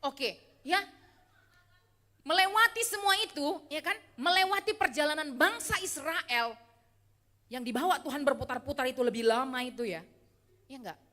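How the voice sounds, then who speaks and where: A woman preaches a lively sermon in a church hall, her fairly high, bright voice carrying a long reverb. She talks in a chatty, teasing way and keeps asking the congregation to answer her. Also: normal speed, pauses often.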